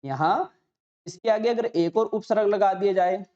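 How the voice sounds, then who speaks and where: A woman teaching Sanskrit grammar in an explanatory lesson. She breaks words into single sounds and repeats examples slowly. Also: mid-range voice, warm tone. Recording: slightly dull, muffled recording.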